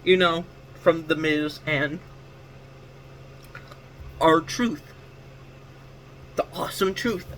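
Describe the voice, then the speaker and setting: A man's voice: a little high, steady tone, drawn-out words, pauses often, fairly bright tone, a little hiss or hum, rough recording. A man hosting his own wrestling talk show, giving casual solo commentary in a rambling way, correcting himself and restarting his sentences. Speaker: wrestling podcast host.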